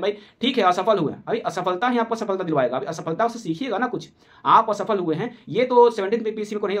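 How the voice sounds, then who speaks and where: A male coaching teacher, giving an urgent motivational talk to exam aspirants and repeating his warnings. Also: sits high.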